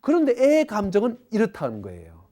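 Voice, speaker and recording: A woman's voice: a little high, wildly swooping pitch, brisk, warm tone. A middle-aged woman giving a parenting lecture, asking the audience rhetorical questions. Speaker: parenting educator.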